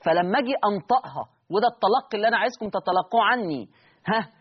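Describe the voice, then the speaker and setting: A man's voice: sits high, lively intonation, very fast, breathy edge, muffled recording. A man with an Egyptian Arabic accent teaching Quran recitation rules step by step, asking his students questions and answering them himself. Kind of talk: recorded lesson.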